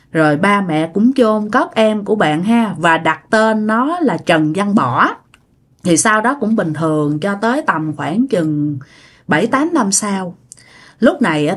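A woman with a Southern Vietnamese accent chattily telling a ghost story, addressing listeners directly. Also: mid-range voice. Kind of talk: casual ghost-story narration.

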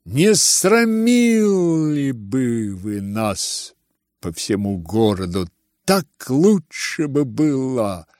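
A sullen young man snaps back at his father in a spoken-word novel, played by a male reader. His lines come slow and cutting, rising sharply on the taunts, in a dry, close sound. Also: medium pitch, very animated, a little mellow, no room sound. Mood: bitter. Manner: bitter, sneering outbursts.

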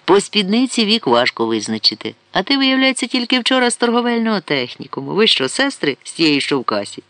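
A man puts on a crude, cheeky middle-aged fellow in a storybook reading, who jokes and flirts bluntly. The delivery swings widely in pitch, and the sound is close and dry. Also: very animated, fairly quick, sharp tone, no echo, full character voice. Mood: brash teasing. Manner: brash, teasing and crude.

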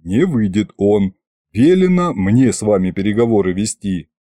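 A man's voice: on the low side, normal speed, warm tone, dry recording, clean studio sound, natural voice. Man doing a hesitant young guard officer. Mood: grudging hushed. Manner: subdued, hesitant and grudging.

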